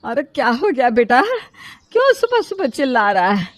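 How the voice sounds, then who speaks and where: A woman voicing an indulgent older mother-in-law in an animated storybook, placating her son. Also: a little high, moderate pace, no echo, faint music behind. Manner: soothing, placating.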